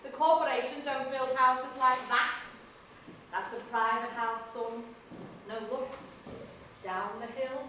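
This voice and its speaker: An actress playing a harried, warm-hearted working-class mother, rough-tongued, shifting from tender to yelling on stage. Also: sits high, fairly even intonation, slow, pauses often, background noise. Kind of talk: live stage drama. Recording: echoey stage from far off.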